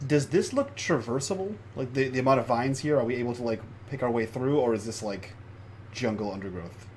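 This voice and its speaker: A man's voice: mid-range voice, a little fast, a little hiss or hum. A man chatting casually as a player at a tabletop game.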